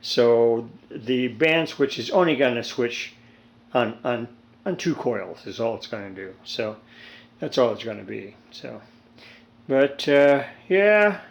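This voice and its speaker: Taking his time, a gravelly-voiced man in his 70s with a mid-range pitch shows how he fixes old radios as a hobbyist restorer. His talk is casual, wandering and folksy, with dry humor. The homemade recording carries steady background noise.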